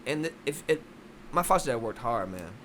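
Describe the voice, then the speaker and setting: A man's voice: mid-range voice, big pitch swings, normal speed, a bit bright, a little hiss or hum. A young man from Philadelphia, a boxing coach guest in a casual podcast interview, rambling with many restarts.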